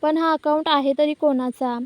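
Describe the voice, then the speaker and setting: A woman voicing a confident male lawyer who speaks firmly, in her own high voice. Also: fairly even intonation, normal speed, darkish tone, dry recording, natural voice. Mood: questioning.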